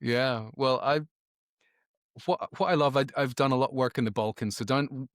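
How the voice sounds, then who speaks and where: On a podcast, a man who is an author and creativity educator speaks as a guest in conversation. His medium-pitched voice moves at a moderate pace, emphatic and opinionated, and he often repeats words while thinking. The recording is dry and studio quality.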